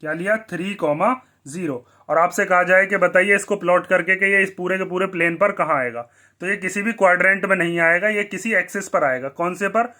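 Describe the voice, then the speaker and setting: High, bright-voiced male maths teacher. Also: a little fast. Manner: asks the class questions and answers them himself. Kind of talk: blackboard maths lesson.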